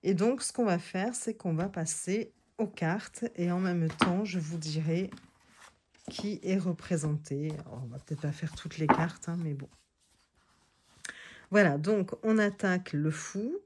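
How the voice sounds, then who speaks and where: Seated on a creaky chair indoors, a woman with a fairly low voice chats casually while reviewing tarot decks, speaking a little slowly over background noise. She hesitates a lot, full of fillers and restarts, and reads card texts aloud.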